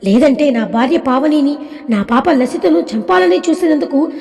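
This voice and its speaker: A woman's voice: sits high, expressive, moderate pace, creaky, darkish tone. A woman voicing a stern, protective husband and father who scolds firmly. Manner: scolding, firm. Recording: long reverb.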